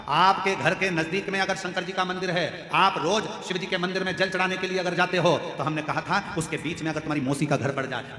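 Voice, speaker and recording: A man preaching a devotional sermon to a large live gathering, swinging between loud high exclamations and soft low pleading, acting out quoted voices. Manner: acts out quoted voices in his talk. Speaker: religious storyteller preacher. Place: large religious gathering hall. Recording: echoey hall with long reverb.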